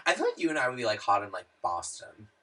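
A man's voice: fairly low pitch, very animated, pushed and bright. A young man co-hosting a podcast, chatting casually and joking with plenty of profanity. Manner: profane, joking, quick banter. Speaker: podcast co-host. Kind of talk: casual chat.

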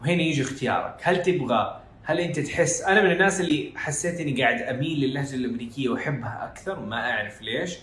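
A man's voice: medium pitch, racing, a bit bright. A Saudi man with a Hejazi accent from Jeddah, hosting a casual educational podcast and slipping English phrases into his Arabic. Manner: code-switches into English phrases. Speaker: podcast host. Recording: echoey room.

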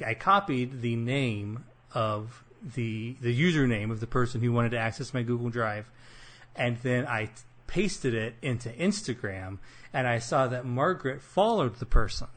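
A man's voice: medium pitch, a bit bright. Rambling Midwestern man hosting a podcast. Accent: Midwestern American. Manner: rambling, self-deprecating, many fillers. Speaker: podcast host. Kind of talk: casual podcast chat.

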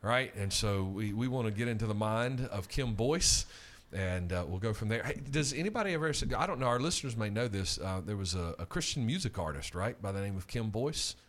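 A man hosts a weekly faith radio program, upbeat and conversational. He interviews a guest and makes a ministry appeal, often pausing on fillers and restarting his sentences. His voice sits a little low for a man. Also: animated, a bit bright. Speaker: radio show host.

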